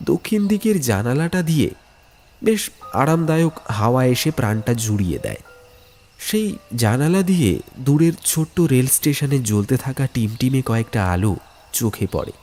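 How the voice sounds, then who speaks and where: A man with a medium-pitched, darkish voice narrates a scripted ghost story in the first person. He tells it dramatically and with suspense, over a music bed running beneath his voice.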